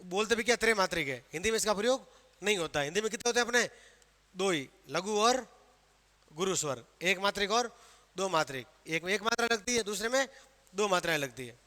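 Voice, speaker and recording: A man's voice: high voice, lively intonation, a little fast, sharp tone. A man with a Rajasthani Hindi accent teaching a grammar class, quizzing students with questions he answers himself. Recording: long reverb of a hall.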